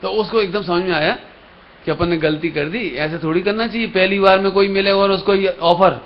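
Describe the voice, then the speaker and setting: A man's voice: high voice, steady tone, normal speed. A man preaching a Jain sermon, telling a story and acting out the characters' lines, asking his listeners questions. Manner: storytelling, acts out characters' dialogue, asks the audience questions. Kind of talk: sermon with acted story voices. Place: lecture hall at a religious camp. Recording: dull live stream audio with faint hiss.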